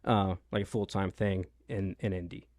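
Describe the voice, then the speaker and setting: Low-voiced Venezuelan man, hesitant. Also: steady tone, normal speed, a little mellow, no echo, studio quality. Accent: Venezuelan Spanish. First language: Spanish. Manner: hesitant, many ums and restarts. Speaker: realtor, guest. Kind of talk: casual interview.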